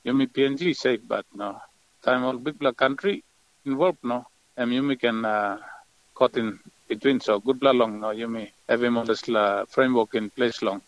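An older man with a Papua New Guinean accent, a retired commander giving halting interview commentary in pidgin. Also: medium pitch, dry recording. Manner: halting, searching for words. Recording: dull lo-fi interview audio.

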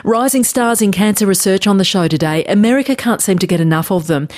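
A woman's voice: medium pitch, quick pace, darkish tone. A woman hosting a radio science show, narrating a scripted story with dry asides.

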